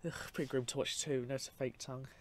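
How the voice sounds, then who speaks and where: A man's voice: mid-range voice, fairly even intonation, quick pace, a little hiss or hum. Man rambling casually through clip commentary. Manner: rambling, matter-of-fact with dry asides. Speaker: narrator of a film clip compilation. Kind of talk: casual, unscripted commentary over clips.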